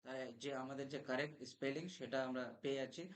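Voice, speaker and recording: A man's voice: mid-range voice, fairly even intonation, a little fast, a little hiss or hum. A young man, teaching an exam revision lesson, explaining step by step and spelling words out letter by letter.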